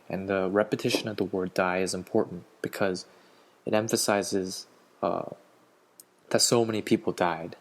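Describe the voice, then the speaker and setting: A man's voice: sits low, gravelly. A man giving a spoken poetry analysis as a student, hesitant with fillers and restarts.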